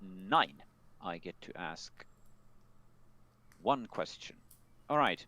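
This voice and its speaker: A man's voice: low voice, very slow, no echo. A man playing a tabletop game, talking casually with frequent restarts and hesitations. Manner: hesitant, restarts often, animated. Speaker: player.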